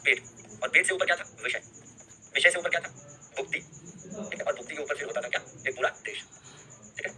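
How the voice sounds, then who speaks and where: Young male teacher, fast and punchy, high bright voice, keeps asking the class "got it?", faint noise behind. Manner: repeats key terms, constant "ठीक है?" check-ins. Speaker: history teacher. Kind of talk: live online class lecture.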